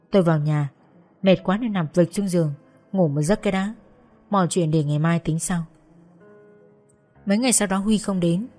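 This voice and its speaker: A woman narrating a first-person audio story in a steady, confessional way. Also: fairly low pitch. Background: faint music.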